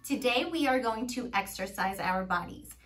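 A young woman teacher leading young children through a playful pretend exercise adventure, calling out actions with animated energy. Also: fairly high pitch, normal speed, distant mic, faint music behind. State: out of breath. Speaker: preschool teacher. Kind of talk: children's movement and drama lesson. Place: home.

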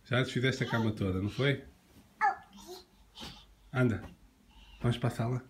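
In a casual home vlog shot on a handheld phone in a bedroom, a Portuguese father with a European Portuguese accent coaxes his toddler in teasing baby talk. His voice is medium-pitched at a moderate pace, and the phone recording is noisy.

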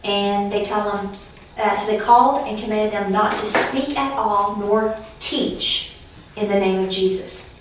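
A woman's voice: mid-range voice, fairly even intonation, unhurried, noisy background. A woman teaching a preaching class in a conversational, storytelling way, laughing now and then as she tells anecdotes. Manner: conversational, anecdotal, laughs while telling stories. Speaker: Bible teacher. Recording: echoey room, voice from far off.

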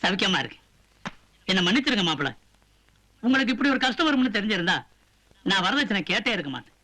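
A man's voice: high-pitched, sing-song, fast, bright, forceful tone, exaggerated voice. A man playing a humble, remorseful father who apologizes and refuses money. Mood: earnest. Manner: apologetic, earnest. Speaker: bride's father-in-law. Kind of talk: 1980s film acting.

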